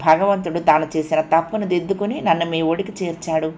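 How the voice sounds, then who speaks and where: A soft-spoken young woman, adoring and coaxing, murmuring close in a storybook reading, as a woman narrator puts her on. Her voice sits a little higher than the reader's own and stays tender and sweet. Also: steady tone, brisk, a little hiss or hum, natural voice.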